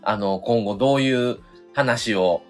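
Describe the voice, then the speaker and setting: A man with a Kansai accent, co-hosting a casual live chat in a relaxed, chuckling way. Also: medium pitch, measured pace, faint music behind. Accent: Kansai Japanese. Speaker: co-host of a couple's podcast.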